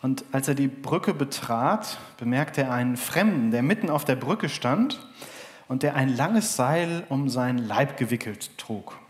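A man's voice: medium pitch, lively intonation, measured pace. A man preaching a sermon in a conversational way, telling a parable and asking the audience questions. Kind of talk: sermon with storytelling.

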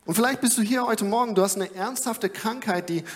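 A young male preacher with a high voice speaks earnestly and conversationally, often pausing on filler sounds. His sermon rings out with a long reverb from the church hall. It sounds like a live talk to a congregation.

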